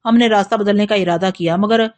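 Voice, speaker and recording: A woman narrating a novel as an audiobook, in steady, measured storytelling. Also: mid-range voice, no room sound.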